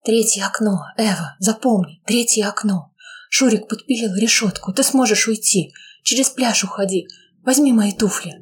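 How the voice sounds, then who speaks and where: A woman's voice: mid-range voice, moderate pace, slightly rough, voice pushed up, close to an everyday voice. A woman voicing a dying mother who gives urgent orders in a weak half-whisper.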